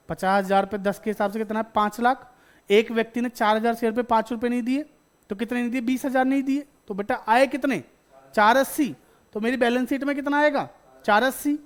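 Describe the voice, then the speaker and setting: A man's voice: very high-pitched, smooth. A male teacher, giving a classroom lecture. He fires questions at the class, repeats each point, and answers himself before moving on. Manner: addresses students as beta.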